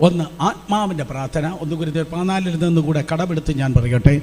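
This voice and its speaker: Quick-paced and on the high side, with a darkish tone, a male pastor delivers a fiery Pentecostal sermon in a church hall and has the congregation repeat lines back to him. A little hiss or hum runs under the recording.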